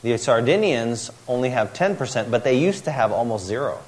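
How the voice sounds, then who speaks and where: A man giving a talk, speaking in short phrases and pausing after each one for an interpreter. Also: medium pitch, expressive, darkish tone. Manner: pauses after each sentence for translation.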